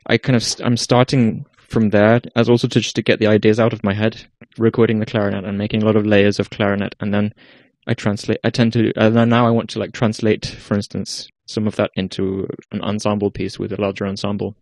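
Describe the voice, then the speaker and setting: Low, flat-voiced Icelandic man. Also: brisk, hardly any pauses, no room sound. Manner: hesitant, many restarts and fillers. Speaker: guest musician. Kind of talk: casual interview talk.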